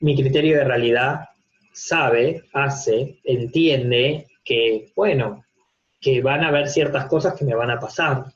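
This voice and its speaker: An Argentine university psychopathology teacher, a man with a medium-pitched voice who speaks slowly, gives an informal online lecture from his home office. He walks through ideas step by step, using everyday examples and rhetorical questions. The video-call audio sounds dull and lo-fi.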